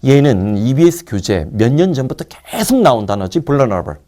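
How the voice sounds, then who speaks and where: A man teaching an English vocabulary lecture, drilling word roots with quick asides to his students. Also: medium pitch, very animated, warm tone. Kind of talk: recorded online lecture.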